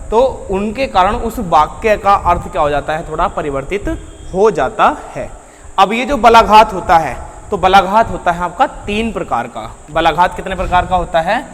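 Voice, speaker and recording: Male teacher with a high voice lecturing a class and quizzing students as he goes, in a room with a long echo. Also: fairly bright tone. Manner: asks students questions and answers them himself; addresses students as beta and bhaiya. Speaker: Hindi grammar teacher.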